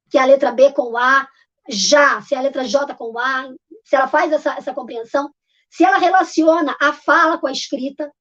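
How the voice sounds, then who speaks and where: A woman with a Brazilian Portuguese accent, a literacy teacher explaining classroom games in a live online talk, informal with many fillers and restarts. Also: high voice. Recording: dull lo-fi audio.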